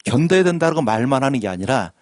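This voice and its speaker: A man's voice: mid-range voice, very animated, quick pace, no echo, studio quality. A man preaching a sermon as pastor, asking the congregation questions and drawing call-and-response. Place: church sanctuary.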